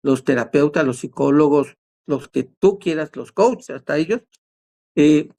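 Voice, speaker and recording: A man's voice: a little high, a little slow, creaky, a little mellow. A man, a therapist guest on a talk show, explaining at length and asking himself rhetorical questions. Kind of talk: casual talk show discussion.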